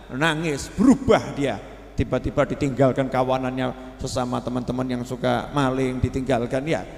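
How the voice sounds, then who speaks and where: Animated preacher in an echoey hall. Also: male voice, medium pitch. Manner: animated, acts out quoted voices, asks the audience questions. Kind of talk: sermon.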